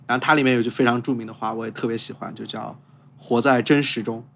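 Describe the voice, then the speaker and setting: Man, podcast co-host, musing tone, medium pitch, faint noise behind. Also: level tone, very fast, gravelly, a bit bright. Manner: thoughtful, musing. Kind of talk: casual chat.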